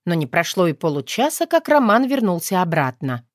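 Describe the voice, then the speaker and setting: A woman narrating an audiobook in a measured, unhurried way. Her voice is on the low side. The recording is dry and close, with no room sound. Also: very animated, dry recording. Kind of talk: scripted narration.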